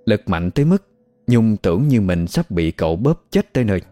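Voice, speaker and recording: A male storyteller reading a ghost story in a calm, steady way. His voice sits low and mellow over soft guitar music. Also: normal speed, no room sound. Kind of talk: scripted ghost story narration.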